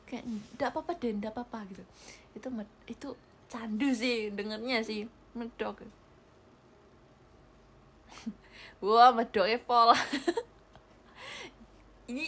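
Recorded close up on a webcam or phone with a little hiss or hum, a young woman with a slightly high voice livestreams from a small bedroom with a gaming chair. This young adult idol streamer chats casually, giggles often and thanks viewers for their gifts.

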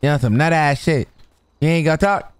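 A man's voice: fairly high pitch, a little fast, clean tone, dry recording. A young man streaming a roleplay game, trolling other players with slang and frequent laughter. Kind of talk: in-character roleplay banter.

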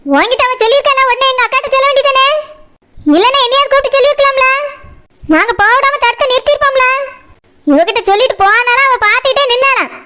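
A voice actor playing a fierce village aunt who rapidly scolds and accuses a girl, with a Tirunelveli Tamil accent, in a high cartoon voice. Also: background noise. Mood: angry. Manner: fast, sharp accusing scolding. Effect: high sped-up cartoon voice.

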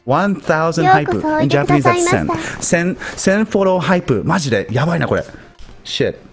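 A man's voice: a little high, huge pitch swings, normal speed. A young man streaming live, overexcited, stammering and laughing often between words. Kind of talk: excited live stream chat. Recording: faint background music.

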